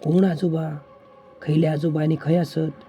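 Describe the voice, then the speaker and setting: A protective middle-aged village father, played by a male narrator, talks to a young guest in an earnest, concerned way. He has a Malvani accent and a mellow, dark tone. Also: on the high side, flat delivery, measured pace, slight background noise, voice pushed up, natural voice.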